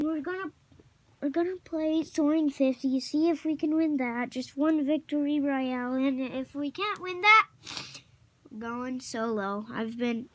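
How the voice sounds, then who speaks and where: Young girl gaming and chatting, high voice, talks kinda slow. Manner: chatty, excitable, yells at opponents. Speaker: gamer. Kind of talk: casual gameplay commentary.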